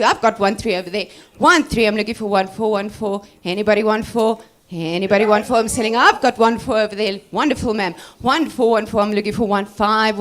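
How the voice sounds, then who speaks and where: A woman working as an auctioneer, presenting lots and calling bids with repeated numbers. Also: medium pitch.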